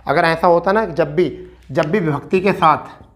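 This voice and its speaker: Coaxing exam-prep teacher, fairly high voice. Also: male voice, a bit bright, a little hiss or hum. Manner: coaxing, repeats "ठीक है" often; recites verse slowly and deliberately. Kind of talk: explaining a practice test.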